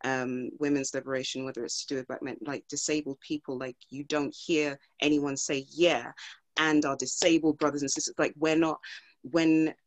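A woman guest on a podcast who speaks earnestly and thoughtfully, often pausing to find her words. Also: sits low, flat delivery. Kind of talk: casual podcast conversation.

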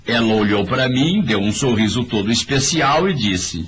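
A man's voice: medium pitch, animated, normal speed, noisy background. A man giving an emphatic motivational speech in a voice-over, talking straight to his audience. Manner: emphatic, preachy, addresses the audience directly. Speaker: motivational speaker.

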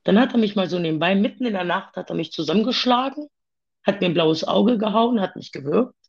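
A woman talking haltingly about her own past in a personal conversation, with many pauses and fillers. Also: medium pitch, animated, gravelly, husky, dull audio.

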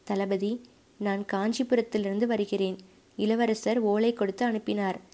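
A woman's voice: medium pitch, steady tone, measured pace, dark tone, natural voice. A woman voicing a bold but polite young male warrior messenger in an audiobook, speaking humbly and respectfully. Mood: humble. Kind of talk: audiobook character voice.

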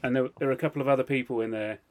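A man co-hosting a podcast, telling a story in casual chat, animated and laughing often. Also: medium pitch, rapid-fire, heavy background noise. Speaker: podcast co-host.

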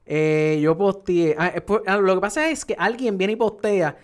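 A man hosting a podcast in casual chat. He talks in an animated, rambling way and laughs often. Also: high voice, normal speed, clean tone. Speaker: podcast host.

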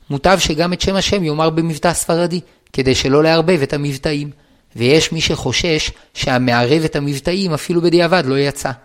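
Man, slightly high voice, formal read-aloud of a legal text, steady recited pace. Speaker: reader of a religious law book.

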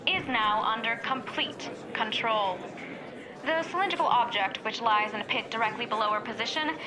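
A high-voiced woman as an army captain reports from the field in old radio drama style, official and breezily self-assured. A crowd is clearly heard behind the report. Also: close to an everyday voice, low-quality recording. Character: confident, dismissive army signal corps captain reporting from the field.

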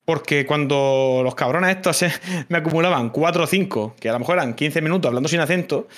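A man with a Murcian Spanish accent talks over a video call in a relaxed, easygoing way. His voice sits a little high, and he swears freely and trips over his restarts as he goes. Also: brisk. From Murcia, Spain. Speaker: streamer guest. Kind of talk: casual chat.

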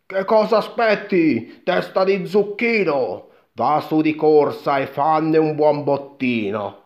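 A man's voice: fairly low pitch, animated, slow, creaky, exaggerated voice. A man doing a nagging old mother. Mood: scolding. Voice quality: sharp, nagging. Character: bossy, scolding old mother. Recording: dull lo-fi recording.

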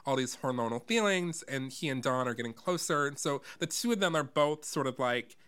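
A man's voice: medium pitch, expressive, a little fast, a bit bright, clean tone. A man chatting about the musical he co-wrote, rambling with lots of "sort of" and restarts. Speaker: co-writer of a musical. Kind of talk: casual chat.

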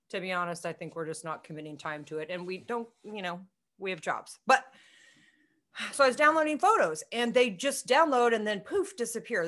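A woman's voice: medium pitch, a bit bright. A woman co-hosting a casual podcast chat, blunt and swearing freely, laughing often. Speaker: podcast co-host.

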